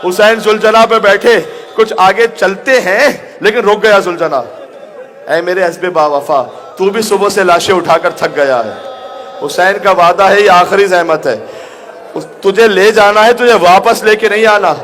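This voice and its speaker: High-voiced man in emotional sermon. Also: a bit bright. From Pakistan. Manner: emotional, rising to anguished cries, half-sung lament. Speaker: preacher. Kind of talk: Muharram majlis sermon recounting Karbala. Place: large hall gathering.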